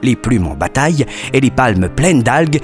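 A man narrating a children's story expressively, dropping to a hush at suspenseful moments. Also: medium pitch, big pitch swings, moderate pace, faint music behind.

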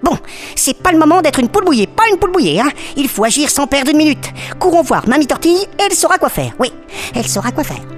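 Woman playing a tiny storybook duckling, very high squeaky voice, rapid breathless chatter, echoing his own words, music behind. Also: sing-song. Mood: alarmed. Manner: breathless, repeats words, mangles big words. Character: small brave excitable male duckling. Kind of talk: storybook acting.

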